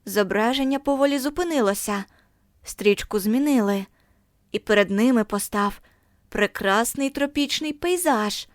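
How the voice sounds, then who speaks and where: A woman narrating an audiobook in a measured, expressive storytelling manner. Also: fairly high pitch, no echo, studio quality.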